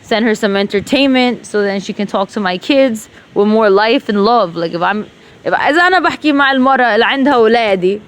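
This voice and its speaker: Rapid-fire and on the high side, a woman pours out an emotional, swearing-filled monologue to herself, bouncing between English and Arabic with a rural Levantine accent.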